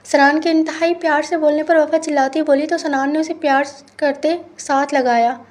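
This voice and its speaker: A woman's voice: sits high, fairly even intonation, normal speed. A woman reading a romance novel aloud as storybook narration, voicing every character in much the same voice. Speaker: novel reader.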